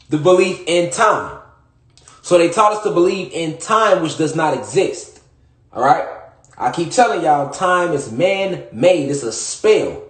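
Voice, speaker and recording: A man talking straight to his listeners in a casual monologue, emphatic and profane, repeating his points again and again. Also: a little high. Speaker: social media commentator. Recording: echoey room.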